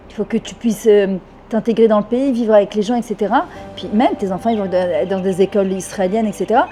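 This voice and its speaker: A woman's voice: medium pitch, fairly even intonation, brisk, mellow, soft background music. A woman of about fifty from France, talking fervently and at length in an interview, dropping in Hebrew words. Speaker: interviewee, French immigrant. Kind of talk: casual interview talk.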